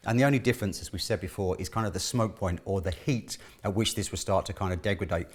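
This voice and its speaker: Male chef presenter, middle-aged, lower voice, rapid casual delivery, chatty instructional style. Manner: chatty, instructional, often checking in with "okay?". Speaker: chef presenting a cooking lesson. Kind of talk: casual cooking demonstration. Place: indoor kitchen studio.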